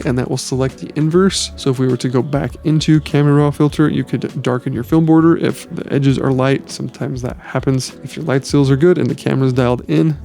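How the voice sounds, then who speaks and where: Man, tutorial host, gravelly low-toned voice, mellow tone, calm step-by-step explanation. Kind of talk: screen-recorded software tutorial. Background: faint background music.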